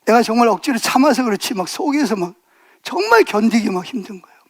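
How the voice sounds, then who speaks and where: A man's voice: very high-pitched, sing-song, fast. A man in his sixties, a pastor preaching a sermon, telling stories and asking the congregation rhetorical questions, building to emphatic bursts.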